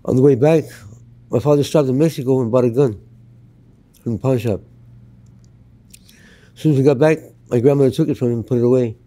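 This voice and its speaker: Blunt older man with a dark voice. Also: mid-range voice. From Canada. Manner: blunt, plain-spoken storytelling. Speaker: interviewee. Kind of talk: candid life-story interview. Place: outdoors in Los Angeles.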